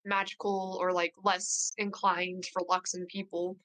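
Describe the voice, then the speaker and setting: A woman's voice: lowish voice, little pitch movement, normal speed, fairly bright tone, poor audio. A woman talking casually as a player in a tabletop game. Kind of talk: casual chat.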